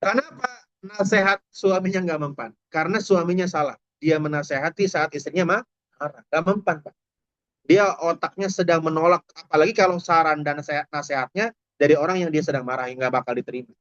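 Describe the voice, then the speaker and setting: A man's voice: fairly high pitch, brisk, a bit bright, no echo. A man preaching a humorous, chatty sermon, speaking straight to the audience. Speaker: Islamic preacher. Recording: dull, dry lo-fi recording.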